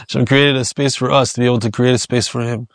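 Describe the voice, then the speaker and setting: A man's voice: mid-range voice, fairly bright tone, no echo, clean studio sound. A rabbi giving a reflective Torah sermon. He repeats key phrases as he goes.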